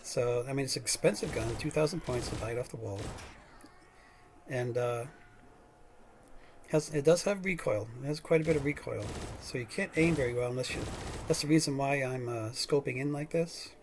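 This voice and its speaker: A man's voice: mid-range voice, normal speed, background noise. A man hosting a gaming channel, giving casual, rambling gameplay commentary full of fillers and restarts.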